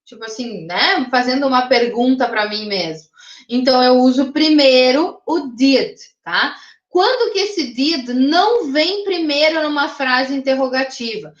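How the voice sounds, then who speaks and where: A woman with a Brazilian Portuguese accent is teaching an English grammar lesson, and her voice sits high. She explains step by step and keeps checking in with her students. The recording is roomy and dull, as in a lo-fi online class. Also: lively intonation, a little slow.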